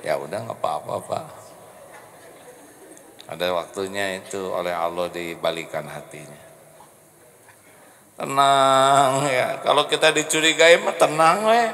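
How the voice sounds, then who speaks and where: A middle-aged man with a Sundanese accent giving a joking, animated sermon on a handheld mic in an indoor hall. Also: measured pace, pauses often. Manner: animated, joking, big pitch jumps. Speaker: preacher. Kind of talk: humorous sermon. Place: indoor hall with carved wooden panels. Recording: long reverb of a hall.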